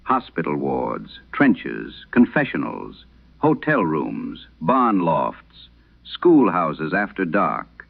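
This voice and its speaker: A man takes on the role of an elderly exorcist priest in a horror radio drama, his voice extremely low and rough with gravel. The confession unfolds in grave, measured, literary phrasing, haunted and intense, with pitch that swoops wildly. The heavily acted monologue has phone-quality sound.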